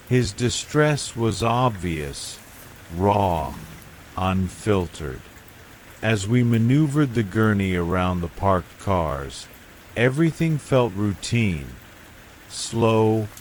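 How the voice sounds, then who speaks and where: Deep, slow-talking male horror narrator. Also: a little hiss or hum. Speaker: storyteller. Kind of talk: bedtime horror story narration. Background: falling rain.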